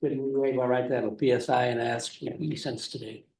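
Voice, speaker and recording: A man's voice: medium pitch, steady tone, fast, darkish tone. A man, a defense attorney, answering the bench with short, deferential replies, heard on a courtroom recording. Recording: distant, roomy courtroom mic with faint hiss.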